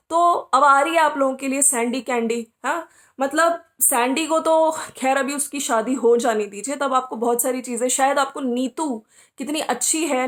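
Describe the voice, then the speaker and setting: A woman hosting a podcast who comments on social media gossip, scolding the people she talks about directly and asking them rhetorical questions. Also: a little high. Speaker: podcast host.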